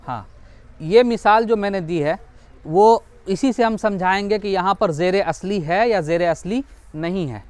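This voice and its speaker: High-voiced man teaching Quran reading. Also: darkish tone, clean tone, no room sound. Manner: explains slowly, repeats examples, asks and answers his own questions; drawls out example words slowly to model pronunciation. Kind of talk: classroom lesson.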